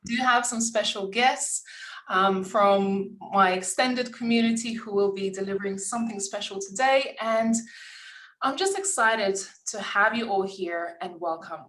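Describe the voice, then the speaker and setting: A Lithuanian woman, Lithuanian being her first language, hosts a summit and gives an inspirational welcome speech built around a personal story. Her voice is medium-pitched and fairly bright, her manner earnest and encouraging with occasional restarts, and the audio quality is poor.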